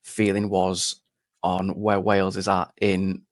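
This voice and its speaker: A man's voice: deep voice, completely flat delivery, slow, dry recording, clean studio sound. A man asks questions in a casual interview, phrasing them in a tentative, roundabout way.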